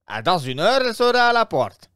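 A man reading aloud and voicing an excitable, flattering Italian innkeeper in a raised, exclamatory voice. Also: fairly quick, smooth, dry recording, studio quality. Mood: eager. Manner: exclamatory, fawning, pitched high.

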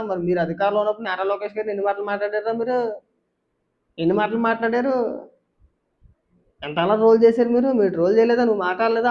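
A man giving a heated political rant, scolding and taunting with rhetorical questions. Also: sits high. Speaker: political commentator. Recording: dull lo-fi sound.

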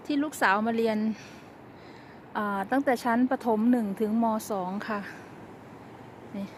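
Middle-aged woman, from Thailand, fairly high voice, chatty vlog walk, faint outdoor noise. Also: a little mellow. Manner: chatty, politely addresses the viewers. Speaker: travel vlogger. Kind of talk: casual walking tour narration. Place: outdoors on a forest trail and hillside.

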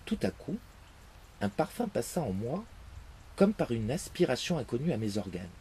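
A man reading a fairy tale aloud, expressive in his first-person telling. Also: medium pitch, moderate pace, slight background noise. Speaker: narrator. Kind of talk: storybook reading.

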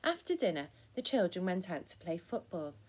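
A woman hosting a story time and reading a children's picture book aloud in a gentle, expressive and encouraging way. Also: on the low side, fairly quick, breathy edge.

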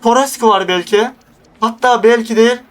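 A young man giving excited live commentary over his own football video game match, groaning and pleading when his team loses the ball. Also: very high-pitched, moderate pace, clear, resonant tone, far from the mic. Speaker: gaming YouTuber.

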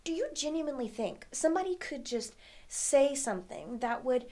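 An actress plays a pensive, fragile young woman alone with her thoughts in a dramatic monologue. Her voice sits a little high. She gropes for words in a searching soliloquy, wry and troubled, with hesitant pauses. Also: lively intonation, warm tone. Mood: searching, agitated. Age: young adult. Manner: halting, searching, thinking aloud with hesitant pauses. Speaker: actor performing a monologue. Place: indoor studio against a plain backdrop.

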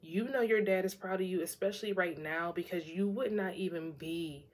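A woman's voice: fairly low pitch, moderate pace, darkish tone, slight background noise. A young woman vlogger who has been crying all morning, talking candidly and a bit ramblingly about her feelings. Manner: candid, tearful and rambling, with bursts of laughter. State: worn out from crying. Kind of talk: emotional personal vlog.

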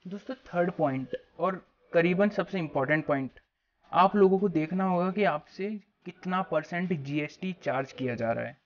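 On his YouTube channel, a young Indian man teaches a topic directly to the camera, talking to viewers as friends. His voice sits high at a moderate pace, recorded via a small clip-on mic on his shirt in a small room with a plain backdrop, with lo-fi sound and slight background noise.

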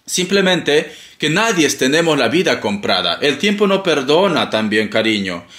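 A man's voice: a little high, very animated, moderate pace, fairly bright tone. Theatrical, teasing tarot-reading man. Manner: playful, theatrical, teasing, calls listener darling. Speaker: tarot reader. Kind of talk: casual tarot reading monologue. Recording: echoey room.

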